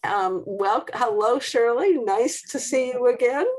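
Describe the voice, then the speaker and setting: A woman's voice: a little high, a little slow, darkish tone. A woman hosting a video-call event, introducing her guest and saying she will interview her.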